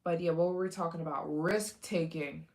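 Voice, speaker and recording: A woman hosts a casual livestream, chatting with viewers, thanking donors, and giving a motivational talk about taking risks. Her lowish voice has fairly even intonation at normal speed and sounds a little mellow. The room is echoey.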